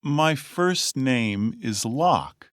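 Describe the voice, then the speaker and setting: A man reading out words for an English lesson, slowly and with deliberate enunciation. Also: medium pitch, lively intonation, a bit bright, no echo, studio quality. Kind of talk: slow word-by-word lesson reading.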